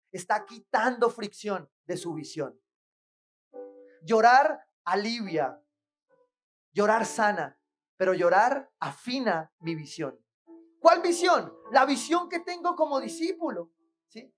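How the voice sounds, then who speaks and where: A woman preaching a sermon in church, asking rhetorical questions and checking in with the congregation. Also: on the high side.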